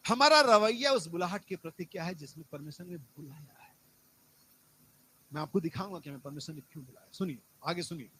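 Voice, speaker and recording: A male pastor preaching a sermon with emphatic repetition and rhetorical questions, swinging between loud exhortation and low, quiet asides. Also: lively intonation, a little fast, slight background noise, poor audio.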